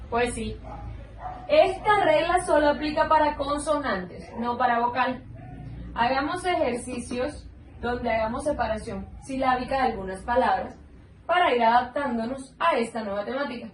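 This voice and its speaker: A woman teacher giving a lesson. She is patient and sounds words out slowly, syllable by syllable. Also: sits high. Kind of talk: slow explanatory lesson. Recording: roomy echo, mic at a distance, faint background noise.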